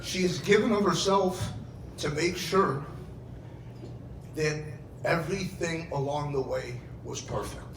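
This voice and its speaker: Speaking slowly with long pauses, a middle-aged man gives a heartfelt father of the bride toast at a wedding reception. His voice is fairly high with vocal fry, and he tells family anecdotes, acting out the quotes. The event room is noisy and echoey, and the mic is far off.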